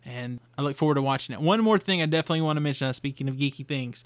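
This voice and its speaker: A man's voice: mid-range voice, rapid-fire, no room sound, clean studio sound. A young adult man hosting a podcast, talking casually and rambling through his thoughts. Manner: rambling, with fillers and restarts. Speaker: podcast host. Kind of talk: casual solo podcast review.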